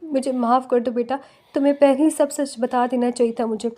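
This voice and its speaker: A woman's voice: high voice, fairly even intonation, dark tone. A woman voicing a desperate middle-aged mother who tearfully tells her story in an audio novel. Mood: remorseful. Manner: tearful, pleading.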